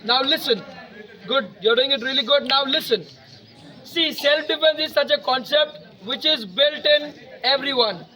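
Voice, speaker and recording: A young man with an Indian English accent, switching into Telugu as he teaches a self-defense class to students, calling out loud commands. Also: extremely high pitch, moderate pace. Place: outdoors at a school, large group of students. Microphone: no microphone, camera at a distance. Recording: dull lo-fi sound, crowd noise.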